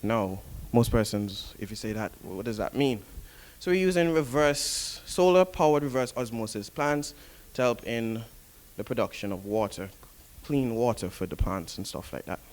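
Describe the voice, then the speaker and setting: A man's voice: medium pitch, lively intonation, normal speed, few pauses, darkish tone. Man presenting at a conference. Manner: explanatory, reads from prepared points. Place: conference hall.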